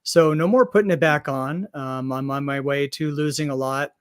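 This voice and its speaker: A sixty-year-old man talks openly over a video call, pausing and poking fun at himself. His voice runs a bit high for a man and sounds dry and close. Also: steady tone, clear, resonant tone, no room sound. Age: 60s. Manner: candid, self-deprecating, hesitant. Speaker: roundtable guest. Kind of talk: casual chat on a video call.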